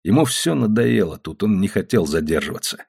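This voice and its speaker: A man narrating an audiobook in a measured storytelling manner. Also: fairly low pitch, animated, creaky, darkish tone, breathy edge. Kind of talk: scripted narration.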